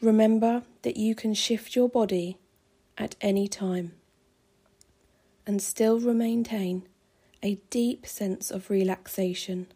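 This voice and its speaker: A woman calmly guiding a pregnancy relaxation meditation with slow, soothing, measured phrasing. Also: medium pitch, slightly rough. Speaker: meditation guide.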